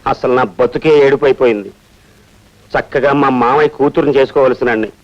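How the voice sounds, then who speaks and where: A man's voice: medium pitch, fairly even intonation, brisk, lightly acted. An actor playing a henpecked young man who whines in comic self-pity. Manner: whining, self-pitying comic pleading. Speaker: film actor. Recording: dull film soundtrack with music.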